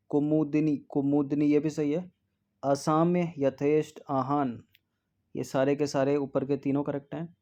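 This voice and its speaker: Walking through test-series answers, this male Hindi exam tutor drills spellings slowly, repeating each word and frequently saying "ठीक है". His voice is a touch high yet flat and steady, with a soft, mellow tone instead of a bright one.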